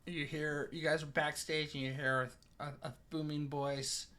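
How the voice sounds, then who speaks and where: High, bright-voiced man running a game. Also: little pitch movement, normal speed. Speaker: game master. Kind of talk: casual tabletop game narration.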